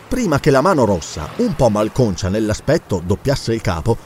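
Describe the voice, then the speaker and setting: A man narrating an adventure audiobook in a dramatic, expressive storytelling style. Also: fairly high pitch, slight background noise.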